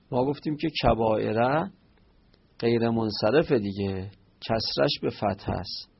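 A man teaches a grammar lesson with a gravelly, husky voice. He builds each point slowly, asking questions and then answering them himself. The recording sounds dull and lo-fi. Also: medium pitch. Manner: explains step by step, poses and answers questions. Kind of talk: Arabic grammar lesson on Quranic verses.

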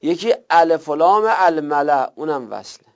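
A man with a gravelly, somewhat high voice teaches a recorded lesson. He works through each point step by step and goes over his examples more than once. The recording sounds dull and lo-fi. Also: expressive, darkish tone. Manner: explains step by step, repeating examples.

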